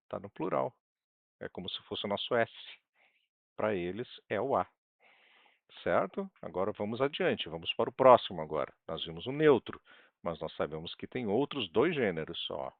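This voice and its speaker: A Brazilian man with a Brazilian Portuguese accent teaching a language online, patiently repeating words slowly and stressing syllables. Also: on the low side, gravelly, dry recording, phone-quality sound.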